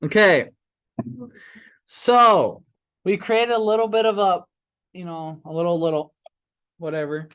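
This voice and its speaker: A young man teaching a class, walking students through software steps in a casual way, with fillers and chuckles. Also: high-pitched, unhurried, pauses often, clean tone, dry recording.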